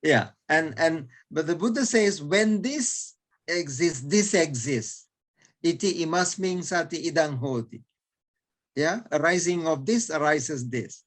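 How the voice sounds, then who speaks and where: Slow, hesitant higher-voiced male teacher. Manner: hesitant, repeats words, many fillers; chuckles between points. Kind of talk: explaining in an online lesson.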